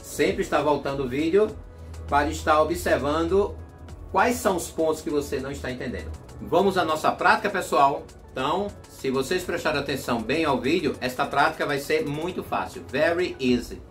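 A man's voice: a little high, a bit bright, faint music behind. Brazilian male teacher in an echoey room. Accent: Brazilian Portuguese. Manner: slow deliberate drilling of English phrases. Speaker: English teacher. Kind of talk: classroom lesson. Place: classroom with a board.

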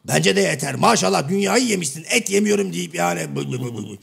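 A man voicing Karagöz, a blunt, half-deaf middle-aged male shadow-play figure who keeps mishearing and twisting his partner's words, with a gravelly, raspy voice. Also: high-pitched, brisk, a bit bright, heavily acted. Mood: mock-innocent. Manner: mishears everything and answers with cheeky misunderstandings. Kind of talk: comic shadow-play sketch.

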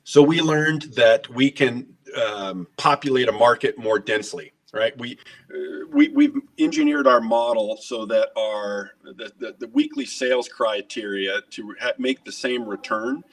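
A man's voice: medium pitch, measured pace, far from the mic. Earnest man on a video call. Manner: earnest, energetic, gestures while talking, repeats words. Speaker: restaurant chain executive. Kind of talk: business video interview. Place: home office. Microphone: webcam on a video call.

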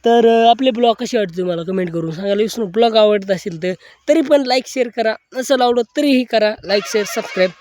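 A man's voice: high-pitched, fast talker, darkish tone. A young man vlogging from a farm field, chatting in a rambling, repetitive way while nursing a cold. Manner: chatty, rambling, repeats himself. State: has a cold. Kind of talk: casual farm vlog chat.

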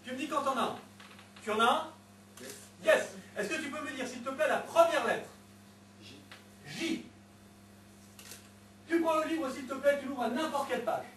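A man's voice: very high voice, expressive, normal speed, long pauses, a bit bright, far from the mic, a little hiss or hum. A man performing a mentalist act on a theatre stage, coaxing and teasing spectators with playful patter. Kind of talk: live stage patter with audience. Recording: echoey theatre recorded from afar.

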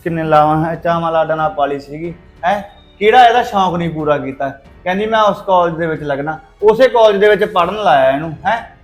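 A man's voice: fairly high pitch, fast, soft background music, close to an everyday voice. A man playing a furious, threatening brother. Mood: angry. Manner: harsh, threatening, commanding. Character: hot-tempered young brother forcing his sister's marriage. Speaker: angry brother. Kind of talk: Punjabi short-film drama.

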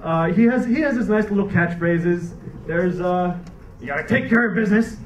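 Speaking at normal speed in a high voice, a young man works through a wry, rambling comedy set with plenty of restarts. He's on a dark theater stage with a laughing crowd, his handheld mic recorded from a far camera in a roomy, dull hall with slight background noise.

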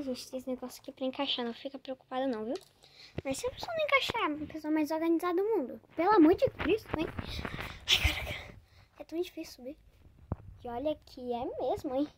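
A young woman with a Brazilian accent, chatting casually as she packs. She swings between loud exclamations and quiet muttered asides. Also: sits high. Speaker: vlogger. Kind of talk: casual chat while packing. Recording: clear background noise, handling clicks.

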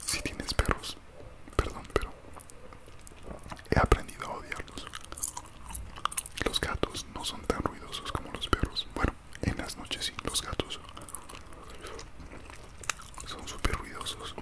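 A young man whispers casually in a breathy ASMR style right up at the microphone, chewing gum as he chats. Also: a little slow, long pauses. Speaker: ASMR creator. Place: small room indoors at home. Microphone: large desktop condenser mic, very close.

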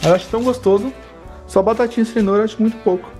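Talking very fast in a high, warm voice with fairly level intonation, a young adult from Bahia, Brazil hosts a cooking vlog from his home kitchen. His Bahian Brazilian Portuguese accent carries through as he casually jokes with viewers over faint background music.

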